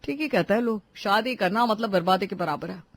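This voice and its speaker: A voice actor playing a sulky, quick-tempered young husband who complains sarcastically. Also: medium pitch, lightly acted. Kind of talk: Hindi cartoon voice acting.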